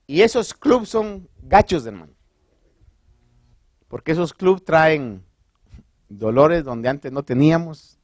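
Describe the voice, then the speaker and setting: A pastor preaches a sermon in a conversational, animated way, throwing rhetorical questions at the congregation and slipping in English phrases. His voice runs fairly high and he speaks slowly, leaving long pauses. The recording is clean studio sound with no room echo.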